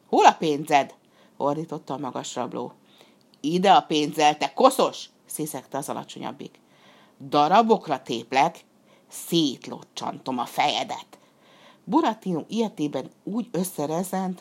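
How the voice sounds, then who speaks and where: A woman narrating a children's story aloud, expressive and at times dropping to a hushed whisper for suspense. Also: low voice. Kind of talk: storybook reading.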